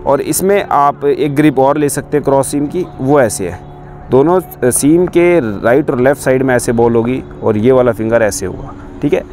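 A cricket coach in his thirties gives a spoken coaching tutorial outdoors, explaining bowling grips step by step while showing how to hold the ball. His medium-pitched, slightly mellow voice keeps a moderate pace, recorded on a lapel mic with the camera facing him.

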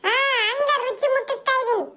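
Squeaky cheeky village bully boy, super bright tone, boastful slangy taunts. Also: a little fast.

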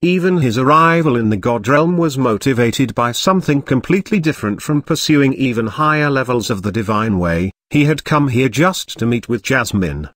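A man narrating a fantasy audio novel in a steady, even reading voice. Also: mid-range voice, moderate pace, hardly any pauses, dry recording. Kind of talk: scripted narration.

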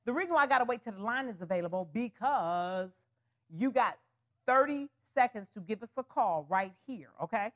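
High-voiced woman hosting a chatty sales stream. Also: expressive, normal speed. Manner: chatty, calls viewers honey and y'all, hard-selling. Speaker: host of a live wig sales show. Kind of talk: live shopping stream chat.

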